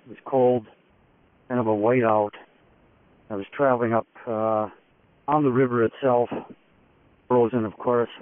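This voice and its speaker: A man speaks at a middling pitch over a narrow, phone-like radio link with a dry sound. He gives an expedition field report off the cuff, in short, halting phrases. His delivery is matter-of-fact. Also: no room sound. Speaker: expedition explorer giving a daily report. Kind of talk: unscripted first-person field report.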